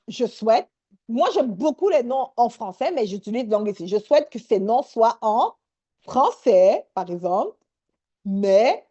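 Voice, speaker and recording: A woman leading a live online workshop, energetic and sprinkling English words into her talk. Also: on the high side, lo-fi sound.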